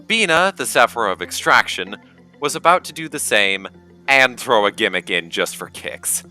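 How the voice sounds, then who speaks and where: A man's voice: mid-range voice, lively intonation, normal speed, bright, forceful tone, faint music behind. A man narrating a gameplay video in a scripted way, with wry, self-deprecating humor. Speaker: gaming video creator.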